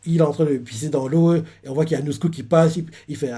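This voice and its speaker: Man, high voice, casual recap, rambling, lots of restarts. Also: fairly even intonation, fast talker, dark tone, breathy edge. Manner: rambling, full of fillers and restarts. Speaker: manga reaction channel host. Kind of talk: casual retelling of a manga chapter.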